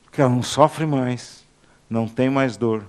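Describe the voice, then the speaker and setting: A man preaching a Bible class, telling personal stories with emotion, swinging between quiet and exclaiming. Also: mid-range voice, normal speed. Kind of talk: sermon teaching with personal stories.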